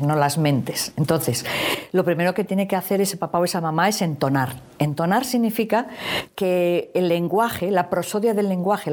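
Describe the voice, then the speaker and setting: A middle-aged woman who writes children's stories, answering interview questions and acting out story lines as she explains. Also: fairly low pitch. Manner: expressive, acts out story lines when giving examples. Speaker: children's author. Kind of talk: interview answers on reading aloud.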